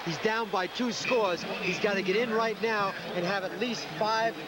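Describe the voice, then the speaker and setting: A man's voice: high voice, moderate pace, over a noisy crowd. An American man working as a color commentator, explaining football replays in an emphatic, repetitive way on an old television broadcast. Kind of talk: football analysis over replays. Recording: very noisy 1980s TV broadcast.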